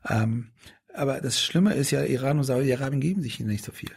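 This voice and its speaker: A man's voice: mid-range voice, animated, brisk, vocal fry, a little mellow, breathy edge. A middle-aged man in a casual interview, talking in a rambling way with many restarts and fillers. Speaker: politician guest.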